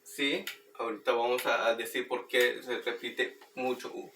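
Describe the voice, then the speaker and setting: A man teaching Maya words through a children's song, speaking slowly and patiently and repeating words for practice. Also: mid-range voice, steady tone, bright, forceful tone. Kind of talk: explaining and demonstrating a children's song. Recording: roomy, distant mic, faint background noise.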